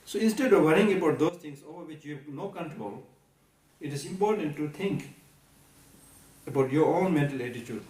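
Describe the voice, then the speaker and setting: Tibetan accent guy giving a buddhist talk, emphatic and deliberate, repeats himself, echoey room, bit far from the mic. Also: a little high, darkish tone. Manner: deliberate, emphatic, repeats key phrases, poses rhetorical questions. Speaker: Buddhist teacher. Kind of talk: Buddhist teaching to a live audience. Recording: echoey room, recorded from a distance.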